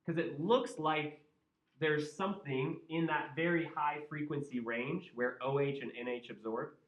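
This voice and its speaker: This chemistry classroom lecture features a man with a Midwestern American accent whose fairly high voice is a little slow and fairly even in intonation. He keeps things conversational and jokey, posing questions to students, and the audio is roomy, distant and dull.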